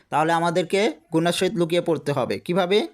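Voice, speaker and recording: A male recitation teacher giving a lesson. He spells out letters and vowel marks and patiently repeats each syllable, chanting the verse more slowly than he explains. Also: fairly high pitch.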